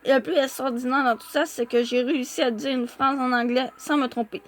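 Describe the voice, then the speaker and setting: A woman with a Québécois accent, reading a novel aloud in a lively first-person narration. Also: high-pitched, fairly quick.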